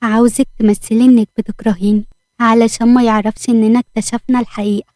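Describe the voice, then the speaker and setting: A calm, commanding young man from a spoken story, as a woman narrator puts him on, talking steadily with an Egyptian accent. The delivery is brisk, the tone warm and mellow. The recording is close and dry. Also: a little high, no echo, lightly acted. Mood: persuasive.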